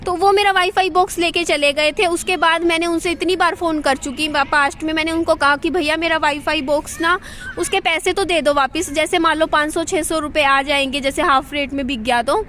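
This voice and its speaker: A woman's voice: sits high, steady tone, fairly quick, a bit bright, a little hiss or hum. A woman talking straight to camera at home in a chatty, venting vlog monologue, repeating herself as she goes. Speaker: vlogger.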